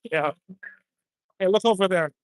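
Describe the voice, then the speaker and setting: A man's voice: high-pitched, unhurried, no echo, studio quality. A man from France, chatting casually and bluntly, swearing now and then. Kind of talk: casual chat.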